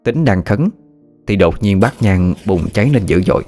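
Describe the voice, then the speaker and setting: A man with a very low, deep voice narrating a horror story. His reading is steady, with faint music under it. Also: moderate pace.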